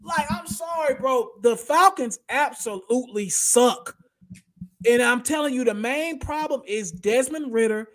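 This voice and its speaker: A man's voice: very high-pitched, unhurried, fairly bright tone. A man hosting a casual sports talk show, blunt and opinionated, who often says "bro" and "y'all". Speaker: podcast host.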